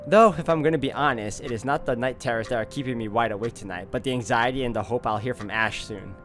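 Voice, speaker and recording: A man hosting a gaming video reads a visual novel aloud dramatically, in a theatrical, suspenseful style, mixing in player commentary. His voice is medium-pitched and fast, with game music playing behind him.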